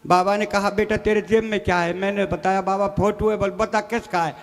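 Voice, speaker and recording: A man's voice: high voice, little pitch movement, a little fast. An older man reciting comic stories as a stage poet, folksy and full of rustic dialect. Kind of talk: stage comedy poetry recital. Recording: echoey hall reverb.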